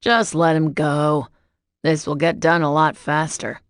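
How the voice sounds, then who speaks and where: A woman voicing a calm, unbothered teenage boy who fights in an audiobook. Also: sits low, measured pace, no echo, studio quality. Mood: firm. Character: cool-headed teenage boy, a tough fighter.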